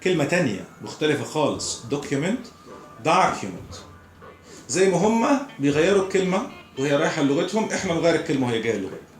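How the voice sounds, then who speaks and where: An Egyptian man gives a recorded pronunciation lesson, repeating each example word slowly. His voice sits a little high. The room is echoey, with soft music behind him. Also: sing-song. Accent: Egyptian Arabic. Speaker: pronunciation teacher.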